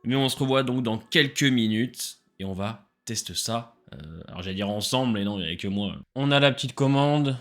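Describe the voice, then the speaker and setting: A man's voice: mid-range voice, brisk, hardly any pauses. Tired, chatty man with a webcam. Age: late 20s. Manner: chatty, animated, self-mocking. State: tired from a late night. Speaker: food reviewer. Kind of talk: casual food-tasting vlog.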